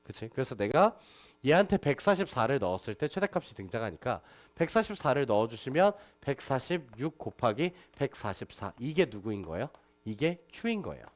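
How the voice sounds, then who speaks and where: A man teaching a math class, lecturing and constantly asking his students rhetorical questions. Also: mid-range voice. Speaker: math tutor.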